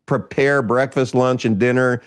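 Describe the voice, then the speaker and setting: A man from Kansas hosts a relaxed podcast conversation. He rambles, restarts his sentences and chuckles as he goes. His voice is mid-pitched and dry, with no room around it. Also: unhurried, smooth, no echo. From Kansas, United States. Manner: rambling, self-interrupting, chuckles often. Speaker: podcast host. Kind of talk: casual conversation.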